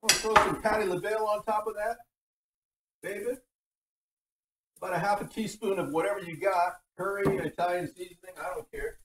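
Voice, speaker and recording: A man's voice: high voice, lively intonation, normal speed, long pauses, fairly bright tone, far from the mic. A man hosting a casual cooking livestream, rambling and chatting with viewers, his voice sounding tinny like a tin can through a built-in computer mic in a home kitchen. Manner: rambling, chatty, talks to chat while cooking. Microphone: built-in gaming laptop mic. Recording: tinny laptop mic, set back, faint noise.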